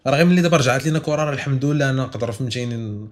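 Fast-talking man with a Moroccan accent. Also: mid-range voice, over a noisy crowd. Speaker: football podcast host. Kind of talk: casual sports podcast chat mixing in French.

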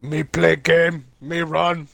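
A man doing a dim caveman, slow and clipped. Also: on the high side, flat delivery, gravelly, a bit bright, dry recording, heavily acted. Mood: fearful. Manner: slow, clipped broken sentences. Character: dim-witted male caveman, simple broken speech.

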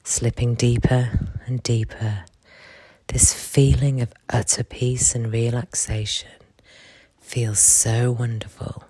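Slow, husky, close murmur guiding relaxation. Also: medium pitch, level tone, dry recording, poor audio. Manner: soft, close, intimate murmur, often slipping into whisper; soothing, lulling, repetitive. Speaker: relaxation guide. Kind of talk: guided sleep relaxation, hypnotic monologue.

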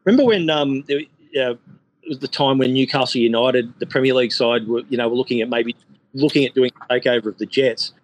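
A man's voice: mid-range voice, fast, low-quality recording. A man, a sports journalist guest, telling stories in casual chat, rambling with many fillers and restarts. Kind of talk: casual podcast chat, storytelling.

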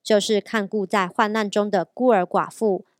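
Lady reading a bible verse out loud at church, steady and even, very dry sound. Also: mid-range voice, normal speed, dry recording. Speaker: scripture reader. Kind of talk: reading scripture aloud.

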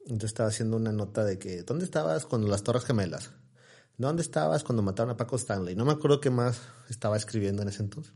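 A man's voice: on the low side, lively intonation, fast talker, a little mellow, breathy edge. A man, chatting as an interview guest and telling rambling stories full of fillers and restarts. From Mexico, Tamaulipas. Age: 40s. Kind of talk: casual interview chat.

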